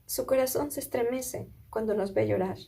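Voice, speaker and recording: A woman's voice: a little high, moderate pace, creaky, warm tone. A woman preaching a sermon, retelling a Bible story in an earnest way and often asking her listeners questions. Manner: earnest, asks listeners questions, small restarts.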